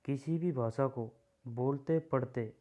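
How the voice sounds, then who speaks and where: A man's voice: mid-range voice, slow, warm tone. A man teaching an exam-prep grammar lesson in a casual way, repeating himself as he points things out. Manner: casual, repeats himself while writing on a board.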